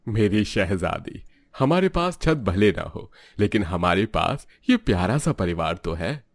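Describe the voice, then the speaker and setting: A man's voice: fairly low pitch, big pitch swings, a little slow, no echo, clean studio sound, exaggerated voice. A man playing a patient cartoon father. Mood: tender. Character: hardworking poor father, warm and patient. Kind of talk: cartoon voice acting.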